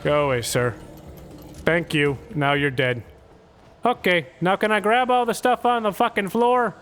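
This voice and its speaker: A man's voice: high voice, measured pace, fairly bright tone, slight background noise. A young adult man streaming a game live, rambling through sarcastic, profane jokes as he plays. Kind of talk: live gameplay commentary.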